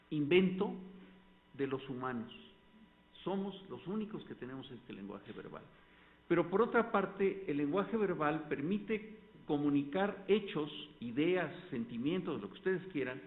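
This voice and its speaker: A man with a Mexican accent giving an academic lecture at a medical colloquium, explaining points with an animated, demonstrative delivery. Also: on the high side, measured pace. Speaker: panel speaker at a medical colloquium. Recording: tinny phone-like lecture recording.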